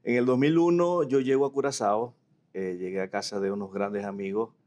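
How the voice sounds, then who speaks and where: A man's voice: fairly low pitch, darkish tone. A middle-aged man from Venezuela, a guest in an interview, telling his story reflectively with many fillers.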